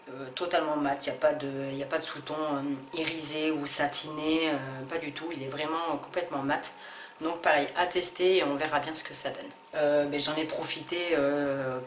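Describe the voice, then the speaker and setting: A woman's voice: deep voice, fairly bright tone, a little hiss or hum. A woman hosting a casual beauty haul vlog, talking hesitantly with many fillers and restarts. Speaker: beauty vlogger. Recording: echoey room with faint ambience.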